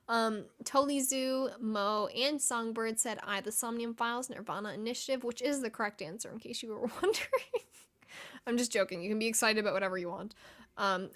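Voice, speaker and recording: A young woman hosts a casual gaming chat, her voice sitting slightly high. She talks with bubbly excitement, swears freely and breaks into laughs often. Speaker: gaming show host.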